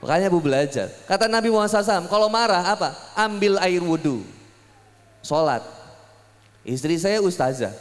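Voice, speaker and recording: A young man delivers a sermon in a lively, joking storytelling way. His voice sits high for a man. It rings out with a long echo through a big hall. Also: a little fast. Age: young adult. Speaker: preacher. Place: public hall gathering.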